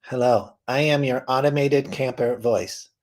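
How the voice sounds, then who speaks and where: [name], a man doing a loud robotic camper voice. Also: mid-range voice, steady tone, unhurried, close to an everyday voice. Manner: stiff, announcing robotic delivery. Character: chirpy automated camper voice, machine. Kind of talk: improvised comedy.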